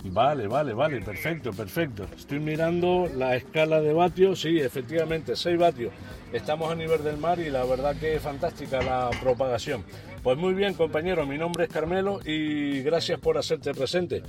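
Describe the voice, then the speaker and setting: A man's voice: on the high side, normal speed, darkish tone, faint music behind. A man working as an amateur radio operator, courteously repeating phonetic call signs and signal reports in set phrases.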